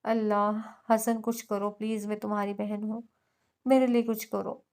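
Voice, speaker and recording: A woman's voice: medium pitch, little pitch movement, normal speed, darkish tone, smooth, natural voice. A woman narrator voicing a grieving young woman who pleads through tears. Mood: anguished. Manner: sobbing, pleading outbursts.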